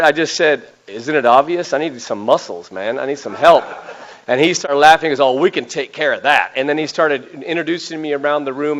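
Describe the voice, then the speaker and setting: A male pastor speaks to a group in an earnest, conversational way. He tells personal stories and often pauses on "uh". His mid-pitched voice comes through a dull, lo-fi recording. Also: fairly bright tone. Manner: earnest storytelling, frequent "uh" pauses. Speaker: pastor and church planter.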